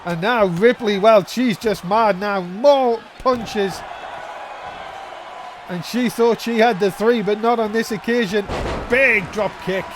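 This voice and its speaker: A man calling a wrestling match play-by-play as a commentator, in an excitable, exclaiming manner. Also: sits high, slow. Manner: excitable, exclaiming at big moves. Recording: loud crowd noise behind commentary. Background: noisy crowd.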